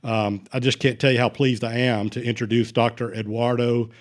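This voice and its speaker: A man's voice: medium pitch, flat delivery, normal speed. A man hosting an interview podcast in a casual, hesitant way, with many fillers and restarts. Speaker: podcast host.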